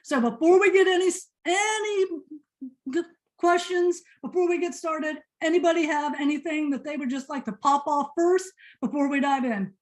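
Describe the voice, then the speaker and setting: A woman presenting a teacher workshop on a video call, fast-talking and chatty, joking with her audience. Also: high voice. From Indiana. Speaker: professional development presenter.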